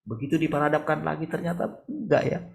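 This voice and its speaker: Pastor, male, gravelly, conversational sermon on a video call, soft to raised. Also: a little high, lively intonation, fast, slight background noise. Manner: conversational preaching, rhetorical questions, shifts between soft and raised voice. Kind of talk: morning devotional sermon over video call.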